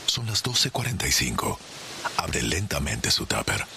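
Solemn mock nature documentary narrator, extremely deep, gravelly, deadpan, advert read over music. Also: male voice, measured pace, background noise, full character voice. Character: solemn wildlife documentary narrator observing office workers. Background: music bed.

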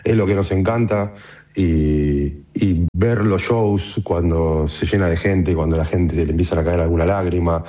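An Argentine man speaking in a relaxed, conversational way in a radio interview, with frequent fillers. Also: low-pitched, measured pace, lo-fi sound. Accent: Argentine Spanish.

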